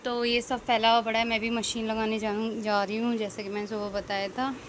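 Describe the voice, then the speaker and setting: A woman's voice: a little high, little pitch movement, a little fast. A young Indian mother chatting through a casual home vlog while coaxing her toddler, filmed on a handheld phone. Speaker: vlogger and mother. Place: home, indoors. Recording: noisy home phone recording.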